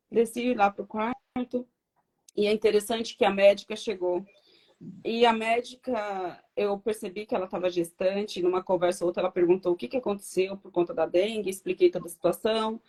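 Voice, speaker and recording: Earnest woman guest on a video call, mid-pitched, sharing her faith testimony. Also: fairly quick, a little mellow. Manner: earnest, reflective storytelling.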